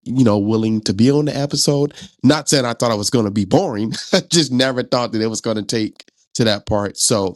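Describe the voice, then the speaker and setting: A man's voice: mid-range voice, dry recording, clean studio sound. A man hosting a motivational podcast, talking casually with his guest after a pumped-up intro. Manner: hyped, energetic intro delivery. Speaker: podcast host.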